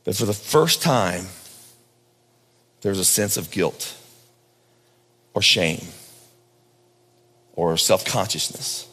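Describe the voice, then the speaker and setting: A pastor preaching a sermon at a pulpit microphone, swinging from loud high emphasis down to low hushed lines. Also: male voice, husky, long reverb tail.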